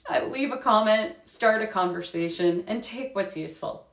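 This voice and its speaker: A woman host reading a personal essay aloud in an expressive, reflective storytelling way. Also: mid-range voice, normal speed, creaky. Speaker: host reading her mother's blog essays. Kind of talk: scripted essay read aloud. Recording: roomy, echoing voice recording.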